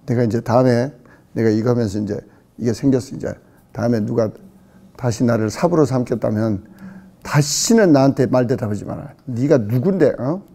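Animated pastor with a low, mellow voice. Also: male voice, moderate pace, creaky. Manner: animated, acts out questions with sudden loud outbursts; mixes in English words. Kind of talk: casual Bible-study sermon.

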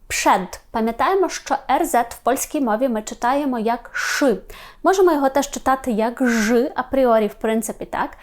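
A woman with a fairly high voice teaches pronunciation in a patient, step-by-step way. She sounds out each sound slowly and keeps checking that her listeners follow along. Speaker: Polish language teacher. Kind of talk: explaining pronunciation to learners.

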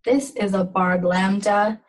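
Woman language teacher, unhurried and deliberate, repeats each sound, a little off-mic. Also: medium pitch, steady tone, far from the mic, low-quality recording. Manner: slow and careful, repeating sounds and words. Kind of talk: pronunciation lesson.

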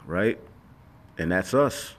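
A man's voice: low voice, animated, takes it slowly. A man giving an informal sermon as a religious teacher, speaking emphatically and repetitively with profanity. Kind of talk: informal sermon with scripture reading and commentary.

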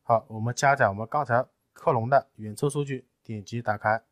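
A man in a technical tutorial, explaining each step patiently and often pausing with fillers. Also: mid-range voice, no room sound, dull audio. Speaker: tutorial presenter. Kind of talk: screen-recorded technical tutorial.

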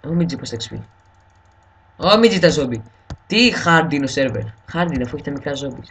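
A young man with a cold, chatting excitably while gaming, swearing and joking often. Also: on the high side, distant mic. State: has a cold. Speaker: gamer host. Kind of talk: casual gaming chat. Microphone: headset mic.

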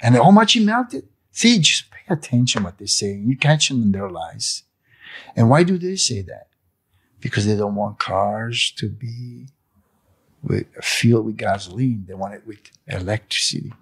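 A very animated cafe owner in his sixties, whose first language isn't English, delivers an impassioned, preachy monologue for an interview in a living room. He gestures emphatically with his hands, and his fairly low, slightly rough voice comes a little slowly through a fluffy handheld mic.

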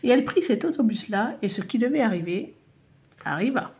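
Animated woman reading a children's story. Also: a little high, fairly quick. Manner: animated, playful.

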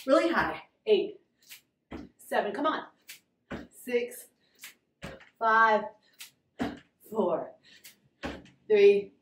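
A woman's voice: medium pitch, roomy sound, distant mic, a little hiss or hum. A young adult woman leading a home workout in her garage, counting reps aloud, encouraging and out of breath. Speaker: fitness instructor.

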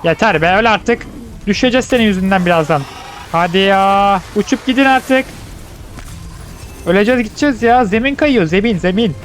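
A young man giving playful, chatty let's-play commentary, shouting excitedly in fights. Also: high voice, brisk, soft background music. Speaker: gameplay commentator.

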